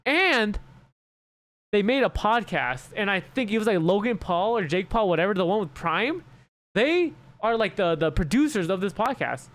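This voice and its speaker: A man's voice: sits high, animated, moderate pace, a bit bright. A man chatting casually on a live stream, reacting to a video with loose, chatty asides.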